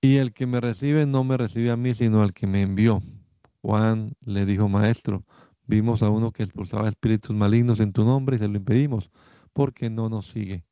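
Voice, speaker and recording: A man reading Bible passages aloud in a measured, steady way, lifting his voice slightly for quoted speech. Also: fairly low pitch, clean tone, no room sound, lo-fi sound. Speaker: Bible reader.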